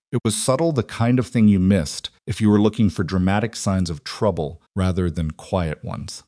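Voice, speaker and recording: Deep-voiced man narrating a story. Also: no room sound, clean studio sound. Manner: measured, even storytelling. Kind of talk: scripted audiobook narration.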